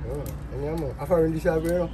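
Soft-spoken Jamaican farmer in his fifties. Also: on the high side, fast, noisy background. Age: 50s. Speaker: sorrel farmer. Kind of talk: casual interview answers. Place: outdoors at a rural farmyard.

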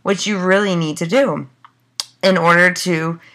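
A woman with a hoarse voice, as she is losing it, giving a recorded class lecture in a loose style full of fillers and rhetorical questions. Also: on the low side, steady tone, unhurried, a bit bright. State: losing her voice.

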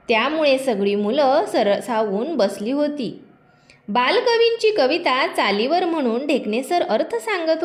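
A woman reads a children's storybook aloud with a lively, expressive delivery. Her voice sits high. Her intonation swings widely and stays animated.

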